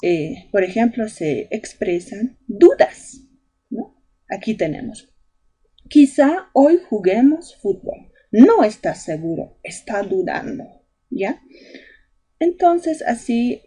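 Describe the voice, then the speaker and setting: Slow, patient woman teaching grammar to kids. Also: medium pitch, warm tone, breathy edge. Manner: explains slowly, tag questions ¿ya? ¿no? after each point. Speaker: primary school teacher. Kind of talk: recorded grammar lesson for children.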